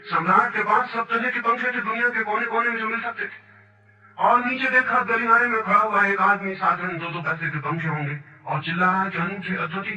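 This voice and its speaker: A man's voice: sits high, fairly even intonation, brisk, bright, forceful tone. Man giving an echoey spiritual discourse. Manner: emphatic, repetitive, rhetorical. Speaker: spiritual teacher. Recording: echoey, distant, with faint music.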